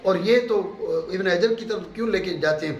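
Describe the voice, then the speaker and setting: In a muffled recording, a high-pitched middle-aged Pakistani man, a mufti, delivers an emphatic religious lecture to his class. He keeps repeating the important terms and checking that his students follow. There's echo in the room and a faint hum underneath.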